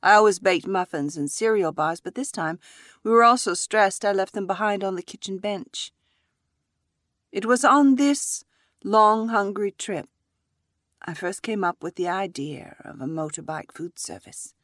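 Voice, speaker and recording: A woman narrating a first-person story in a measured, reflective way. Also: mid-range voice, fairly bright tone, dry recording, studio quality.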